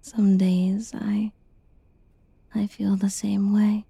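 Woman, ASMR whisper, soothing and tender, unhurried, flat even pitch, dark mellow tone. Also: vocal fry, breathy edge, dry recording. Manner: soft, soothing whisper spoken close; slow, tender and reassuring. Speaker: ASMR roleplay performer. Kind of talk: whispered ASMR girlfriend roleplay.

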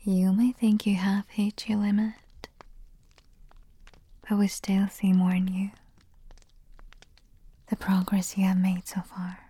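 Very slow whispering woman, breathy. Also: mid-range voice, monotone, dry recording. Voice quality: soft whisper. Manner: slow, soothing and intimate. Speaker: ASMR performer. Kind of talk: whispered ASMR roleplay as a queen.

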